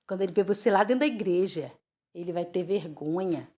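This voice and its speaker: A woman voicing God as a gentle shepherd, with a soft, hushed and tender Brazilian Portuguese delivery. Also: lowish voice, brisk, lightly acted. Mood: tender reassurance. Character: gentle, reassuring divine voice, male shepherd.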